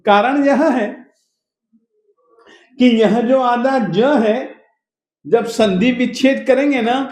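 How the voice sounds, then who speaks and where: Man, high voice, very slow and careful, pronunciation teacher, repeats syllables, echoey room. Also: a little mellow. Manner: spells out syllables and repeats words slowly; chants the verse in a sing-song voice. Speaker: recitation teacher. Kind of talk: slow pronunciation lesson of a Sanskrit hymn.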